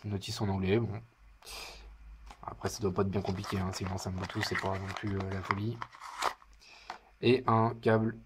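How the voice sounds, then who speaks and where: A man's voice: deep voice, little pitch movement, moderate pace, pauses often, noisy background. A man giving casual unboxing commentary in his living room, chatty and hesitant with wry asides. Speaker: product reviewer.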